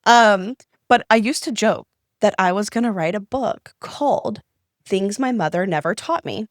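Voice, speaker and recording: A woman's voice: mid-range voice, moderate pace, no room sound, studio quality. A young adult woman co-hosting a podcast, chatting casually in a giggly, rambling way. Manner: giggly, rambling, self-mocking. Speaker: podcast co-host. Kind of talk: casual chat.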